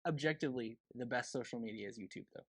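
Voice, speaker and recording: A man's voice: medium pitch, fast, husky, dry recording. A man in his twenties co-hosting a casual podcast, sarcastic and teasing. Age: 20s. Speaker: podcast co-host. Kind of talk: casual chat.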